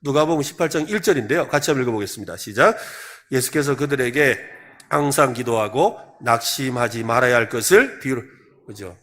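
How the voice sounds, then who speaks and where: A man's voice: medium pitch, animated, brisk, fairly bright tone. A man with a Gyeongsang Korean accent preaching a sermon as senior pastor at a church service, quizzing the congregation with repeated questions.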